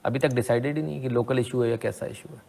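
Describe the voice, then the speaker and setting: A man's voice: medium pitch, fairly even intonation, fast talker, creaky, warm tone. A man commenting on debate clips in a sarcastic, rhetorical way, often asking the listener "hmm?". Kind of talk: opinionated video commentary.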